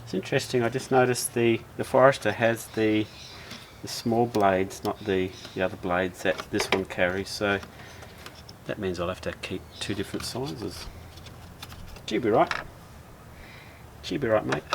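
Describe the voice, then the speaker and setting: A lowish-voiced man with an Australian accent talks through a do-it-yourself wiring job at a car's engine bay. His relaxed delivery sounds like thinking aloud as he works. A steady noise sits clearly behind him. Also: normal speed, long pauses. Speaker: DIY car vlogger. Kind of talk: casual how-to narration.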